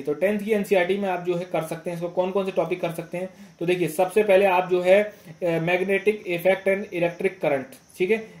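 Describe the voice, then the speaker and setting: In an echoey room, a man with a high voice and a darkish tone offers informal, instructive exam guidance as a teacher. He repeats phrases and checks frequently that listeners are keeping up.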